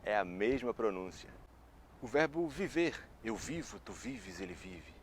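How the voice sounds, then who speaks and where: A man with a Brazilian Portuguese accent teaching a casual video lesson, chatty and lively, repeating each word for practice. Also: medium pitch, unhurried, creaky, a little hiss or hum. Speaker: French teacher.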